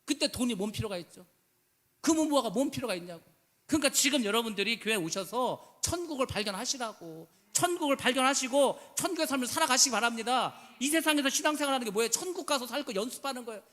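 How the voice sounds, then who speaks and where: A man's voice: very high-pitched, animated, fast, fairly bright tone. A man preaching a sermon as pastor, emphatic and full of rhetorical questions, slipping into casual speech. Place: church sanctuary. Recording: church hall reverb.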